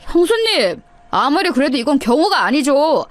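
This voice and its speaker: Brief: a stiffly formal, indignant younger brother-in-law, as a woman narrator puts him on, fairly high voice. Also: big pitch swings, moderate pace, dry recording.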